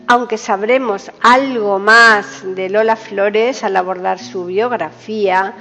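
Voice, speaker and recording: A woman hosting a poetry programme, reading a scripted introduction in a formal, deliberate and carefully phrased way. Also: mid-range voice, fairly even intonation. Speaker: podcast host and presenter. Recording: dull sound, long hall reverb, guitar music behind. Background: soft guitar music.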